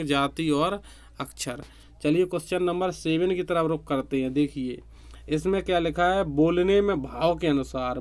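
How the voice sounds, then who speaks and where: A man's voice: fairly high pitch, smooth. A man teaching a grammar quiz to exam students, repeating each question and answer. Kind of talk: online exam-prep quiz lesson.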